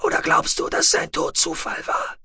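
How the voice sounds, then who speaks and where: A man voicing a husky, half-whispered male lone-wolf fighter who makes quiet, dry remarks. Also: moderate pace, no room sound. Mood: hushed.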